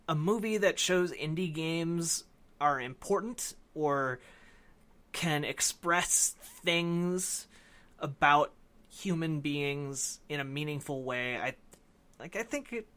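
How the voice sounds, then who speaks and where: A podcast co-host chats casually about films in a fairly high, slightly bright male voice. His speech is halting, and he often stops mid-thought to correct himself.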